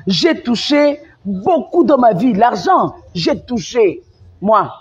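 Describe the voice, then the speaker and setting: Une femme avec un accent congolais qui s'emporte en direct sur son live, répète ses phrases avec insistance et passe du français au lingala. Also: female voice, a little high, very animated, slow, darkish tone, slightly rough. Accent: Congolese French. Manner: emphatic and repetitive, mixing French with Lingala. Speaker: live-stream host. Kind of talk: impassioned live-stream rant. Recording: dull lo-fi sound.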